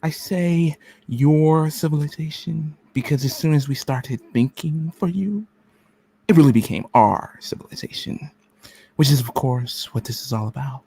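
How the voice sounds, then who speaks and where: A man playing a cold, contemptuous machine agent in a radio play reading, speaking deliberately with menace and dropping into whispers. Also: a little high, gravelly, warm tone, slightly rough. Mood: smug menace.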